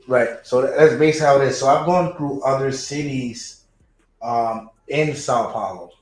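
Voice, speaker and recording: A man speaking as a guest in a casual chat, in a halting way with frequent fillers and restarts. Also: mid-range voice, darkish tone. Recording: echoey room.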